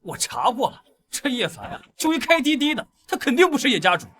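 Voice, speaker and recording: A sneering, fawning schemer in a short drama, mocking his rival and flattering his boss. His voice runs high and lively. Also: brisk, exaggerated voice. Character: scheming, fawning young man who sneers at the hero.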